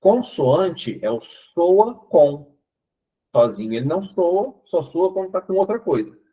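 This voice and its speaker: A man's voice: high voice, big pitch swings, a little slow, breathy edge. A man with a Brazilian Portuguese accent, an English teacher patiently explaining step by step in an online class, checking in with his students often. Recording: tinny narrowband online call audio.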